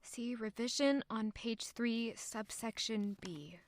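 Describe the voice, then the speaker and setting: A woman's voice: a little high, slow. A woman playing Annie, an emotional young maid. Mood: pensive. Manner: emotional, thinking aloud. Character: young maid, defensive and in love. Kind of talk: audio drama acting.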